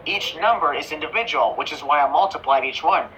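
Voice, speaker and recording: Man, sarcastic commentary narrator, slightly high voice, clear background noise. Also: fairly quick, muffled recording. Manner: sarcastic, critical. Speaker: video narrator. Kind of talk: scripted commentary voice-over. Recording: voice-over with steady background noise.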